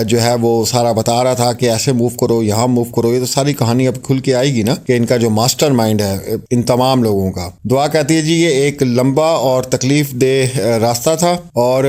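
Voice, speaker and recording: A man's voice: medium pitch, steady tone, hardly any pauses, darkish tone. A man narrating and commenting on a court statement for his viewers, in a conversational style with many fillers.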